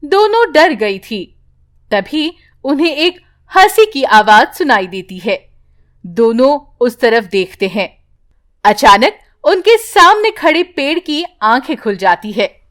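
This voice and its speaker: Woman reading a bedtime story slow and steady, high voice. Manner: slow, even, storybook narration. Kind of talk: scripted bedtime story narration.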